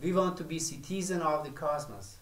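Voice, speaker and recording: In an echoing room, a male spiritual teacher delivers a slow, deliberate sermon with long pauses between phrases. His voice is a bit bright and slightly high for a man.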